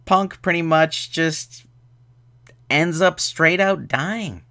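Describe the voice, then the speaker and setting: A man's voice: a little high, slow, bright, forceful tone. A tired young man casually reviewing a horror movie, rambling and sarcastic, with lots of fillers.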